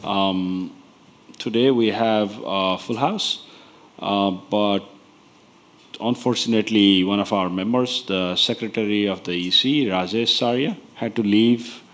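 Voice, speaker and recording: A man chairing a conference members meeting from a panel table, speaking in an unhurried, informal way. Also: lowish voice, a bit bright.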